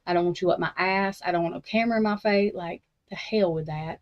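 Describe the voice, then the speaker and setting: On a true crime talk stream, a fast-talking woman with a fairly low voice rants bluntly and profanely. Her delivery is casual and rambling, riddled with restarts and slangy Southern-edged grammar, captured in slightly dull lo-fi sound.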